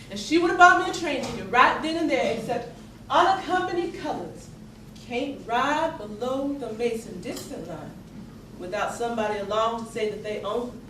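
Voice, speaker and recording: In a natural, slightly high voice picked up by a distant mic, an actress tells the tale of an earnest young Southern enslaved woman in an American Southern accent. This 19th-century storytelling monologue is earnest and determined, folksy and emphatic, halting with dramatic swells. The indoor theatre stage makes the far-off recording echoey and noisy.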